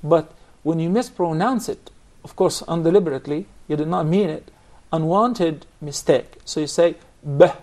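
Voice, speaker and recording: A man's voice: a little high, moderate pace, few pauses, darkish tone. A man teaching a Quran recitation class, explaining points patiently and quizzing his students. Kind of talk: classroom instruction.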